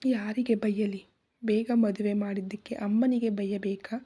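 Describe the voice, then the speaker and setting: A woman voicing a hurt, tearful young wife who speaks slowly and softly in questions. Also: medium pitch, steady tone, slightly rough, close to an everyday voice. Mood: bitter.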